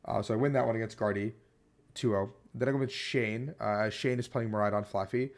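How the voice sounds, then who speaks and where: A man with a somewhat low, hoarse and worn-out voice talks through a tournament recap. He is conversational and slangy, like a competitive player casually reporting to his viewers. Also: steady tone, a little fast. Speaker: competitive card game player and video creator.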